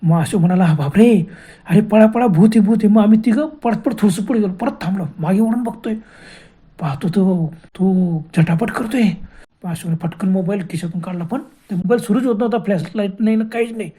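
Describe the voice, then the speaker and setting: A man narrating a first-person horror story in a dramatic, breathless way, with sudden loud cries. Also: sits high, fairly quick, breathy edge.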